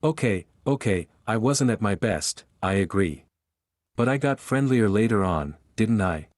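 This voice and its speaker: A man's voice: on the low side, animated, a little slow, darkish tone, no echo, studio quality. A man voicing an affectionate, wealthy boyfriend in an audiobook romance.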